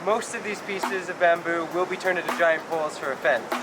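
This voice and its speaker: A man's voice: fairly high pitch, steady tone, fairly quick. A man hosting a casual vlog outdoors, joking easily and laughing often. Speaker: vlog host. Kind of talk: casual vlog chat and narration. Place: outdoor rural building site. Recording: noisy outdoor ambience.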